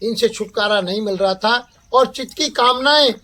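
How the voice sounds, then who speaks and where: A very high-pitched, sharp-toned male voice belongs to a spiritual teacher leading a satsang. His pace is slow, and he handles each term by repeating it and then giving its definition.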